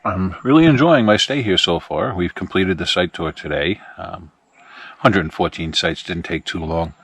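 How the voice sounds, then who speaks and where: A man with a low, deep voice chats easily to camera from outdoors at his campsite. His manner is relaxed and friendly, and he speaks straight to his viewers as he settles in by the campfire. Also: moderate pace, breathy edge, no echo. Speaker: camping vlogger. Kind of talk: casual vlog talk to camera.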